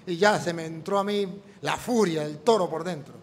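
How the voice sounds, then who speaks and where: Speaking at normal speed, this priest delivers a storytelling sermon in a fairly high, lively voice, voicing each character's lines himself. His words echo with long reverb, as though in a large church.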